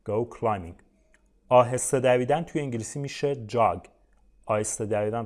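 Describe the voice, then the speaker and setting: A man's voice: mid-range voice, darkish tone. Man teaching English from Persian. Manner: explains in Persian, says English examples slowly and repeats them; often says "uh" and addresses viewers as "friends". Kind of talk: online language lesson.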